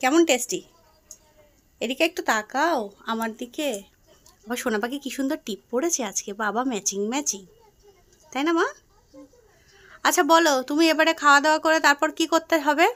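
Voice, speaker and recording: A woman's voice: sits high, steady tone, fairly quick, pauses often, a bit bright. A young woman and mother chatting casually in a home vlog, narrating her cooking step by step and talking tenderly to her daughter. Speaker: vlogger and mother. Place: home kitchen.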